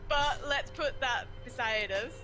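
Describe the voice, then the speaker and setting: Pompous male character, unhurried, music behind; a woman plays him. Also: sits high. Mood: smug. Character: self-important male character.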